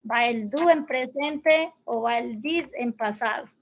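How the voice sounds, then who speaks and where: A woman's voice: on the high side, slow, slight background noise, low-quality recording. A woman teaching English grammar over a video call, explaining patiently step by step. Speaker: English tutor.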